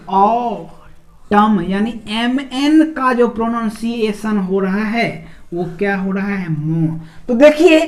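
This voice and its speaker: A man with a Bihari Hindi accent and a very high voice teaches English grammar in a classroom video lecture. He repeatedly asks rhetorical questions and answers them himself, and he repeats examples syllable by syllable.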